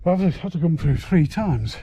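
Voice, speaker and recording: A man, filming himself on an exposed fell and chatting casually about the route, rambling and unhurried with frequent hesitations. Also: on the high side, animated, slightly rough, no room sound. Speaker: hillwalking vlogger. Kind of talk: casual walking commentary. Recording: loud wind noise on the mic. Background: gusting wind.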